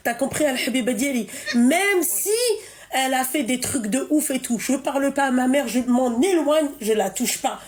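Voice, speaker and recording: Une femme qui anime un direct en ligne et sermonne une appelante avec insistance, en se répétant. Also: female voice, high-pitched, moderate pace. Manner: scolding, emphatic, repeats herself. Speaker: live stream host. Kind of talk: live call-in chat.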